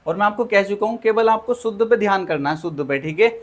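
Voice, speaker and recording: A man's voice: high-pitched, lively intonation, fast talker. A man teaching an online Hindi spelling lesson for exam prep, who repeats each word, keeps calling his students children, and asks and answers his own questions. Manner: drills by asking and answering himself.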